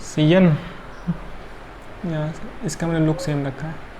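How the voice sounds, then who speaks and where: A man's voice: a little high, fairly even intonation, a little slow, warm tone, slight background noise. A male chemistry teacher, tired, lecturing a class and counting carbons aloud with frequent checks like "right?".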